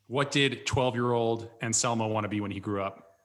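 A man's voice: mid-range voice, moderate pace, a bit bright. A man hosting a podcast, reading an upbeat intro with casual slang and interviewing a guest. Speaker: podcast host.

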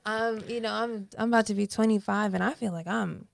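A woman in her twenties, a guest artist chatting on a podcast, talking in an animated way and sometimes dropping into a whisper. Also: medium pitch, fairly quick, creaky, dry recording. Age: 20s. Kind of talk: casual podcast conversation.

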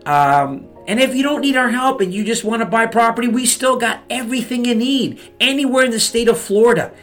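A man's voice: extremely high pitch, brisk, fairly bright tone. Hyped-up guy talking real estate to camera, keeps going "okay? you guys", faint music behind. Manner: pumped-up, repeats and pushes with "okay?" and "you guys". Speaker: real estate investor giving advice. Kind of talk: motivational talk to camera.

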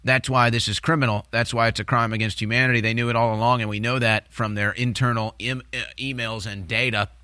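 Bright-voiced American man, conspiratorial political rant. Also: mid-range voice, little pitch movement, a little fast, hardly any pauses, clear, resonant tone, no echo, studio quality. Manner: agitated, conspiratorial, distrustful. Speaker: talk show host. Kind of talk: opinionated political commentary rant. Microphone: close studio microphone. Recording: music bed behind the voice.

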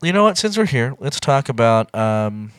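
A man's voice: medium pitch, big pitch swings, clean tone, no echo. Jokey podcast guy, voice jumps all over, dry close sound. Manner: joking, quick comebacks. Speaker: podcast co-host. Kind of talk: casual podcast chat.

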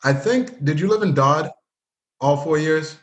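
A podcast host from a Haitian family, who grew up partly in Canada, chats casually with his old college friend and teases him during an interview. His voice is fairly high and his pace a little slow.

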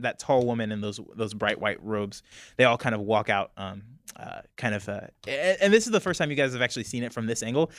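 A man's voice: mid-range voice, fairly bright tone, no room sound. Hesitant man narrating a tabletop game. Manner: hesitant, many fillers, laughs often. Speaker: game master.

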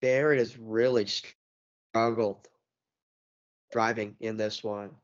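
A man's voice: on the low side, fairly even intonation, slow. A male basketball commentator talking casually to his partner over a dull, lo-fi online line. His audio cuts and stutters as the connection buffers, so words drag, jump ahead or drop away. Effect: choppy buffering stutter from a bad internet connection. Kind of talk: live play-by-play commentary.

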